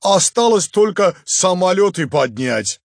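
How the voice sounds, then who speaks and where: A man doing a slow, sing-song skipper, raised and lively. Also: high-pitched, gravelly, no room sound, clean studio sound, voice pushed up, full character voice. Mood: excited. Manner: slow, drawn-out, ends phrases with a questioning "da?". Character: big cheerful good-natured man, boat skipper. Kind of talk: audiobook character voice.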